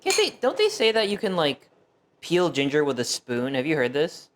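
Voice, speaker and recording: Chatting loosely on a cooking stream, this young man from the United States, originally a Fuzhounese speaker, has a slightly high voice that swoops wildly in pitch at a normal speed. There's noise in the background, and he fills his talk with fillers and jokes at his own expense.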